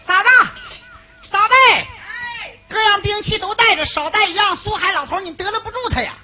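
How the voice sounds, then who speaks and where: A woman's voice: very high voice, brisk. A woman playing a brash young brother-in-law in a comic stage duet, with a Northeastern Chinese accent and teasing, boisterous banter. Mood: bossy. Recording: slightly dull recording with faint noise.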